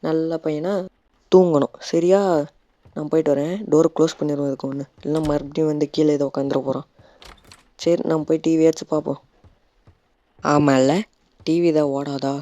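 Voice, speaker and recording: A man's voice: a little high, level tone, brisk, pauses often, warm tone, dry recording, lo-fi sound. A Tamil man doing casual let's-play commentary, chatting and playfully scolding a baby in the game. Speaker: gaming YouTuber.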